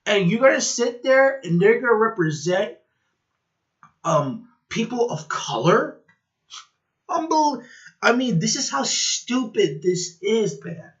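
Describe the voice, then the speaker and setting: A man from Latin America giving heated, indignant reaction commentary that rises to loud outbursts. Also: high-pitched, sing-song, slow. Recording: dull lo-fi audio.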